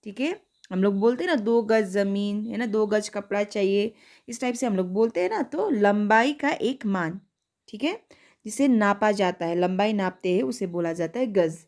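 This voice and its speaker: A woman teaching young children online, sounding out words slowly and asking questions she answers herself. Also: medium pitch, a little mellow. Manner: slow, carefully spelled-out pronunciation drills. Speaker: primary school teacher.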